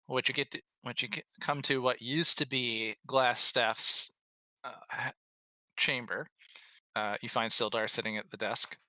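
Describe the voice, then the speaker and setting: A man narrating an improvised tabletop game as game master, halting and conversational. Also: mid-range voice, fairly even intonation, sharp tone, no room sound, rough recording.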